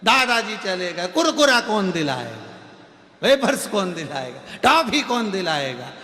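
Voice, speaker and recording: A man's voice: high-pitched, sing-song, unhurried, sharp tone, voice pushed up, full character voice. A man doing a cheeky little grandson. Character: little grandson, cheeky, whining about snacks. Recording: roomy hall reverb, faint music.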